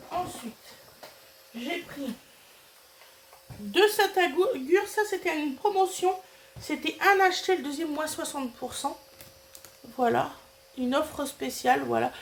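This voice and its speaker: A woman's voice: high voice, vocal fry, a little hiss or hum. Woman with a stuffy cold, chatting. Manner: chatty, hesitant with many fillers. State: nasal, has a cold. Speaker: vlogger showing a grocery haul. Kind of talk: casual chatty haul vlog.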